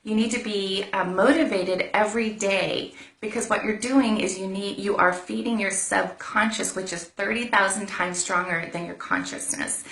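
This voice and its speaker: A woman's voice: mid-range voice, creaky, pushed and bright. A woman giving a casual motivational talk on a live stream, chatty and repeating herself as she goes. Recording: roomy echo.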